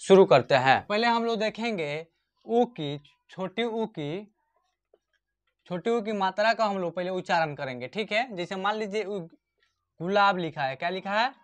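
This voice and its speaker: A man's voice: high-pitched, lively intonation, normal speed. A man teaching an online Hindi lesson, often asking a question and answering it himself and repeating key points. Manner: repetitive, asks and answers his own questions.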